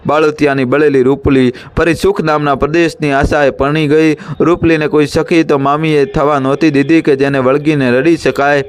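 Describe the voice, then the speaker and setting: A man reading a village story aloud as narrator, in a steady, measured way. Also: fairly high pitch, clean tone.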